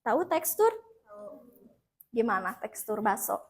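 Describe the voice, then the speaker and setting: A woman teaching an English lesson in a classroom, mixing two languages and leading slow repeat-after-me drills. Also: fairly high pitch, very animated.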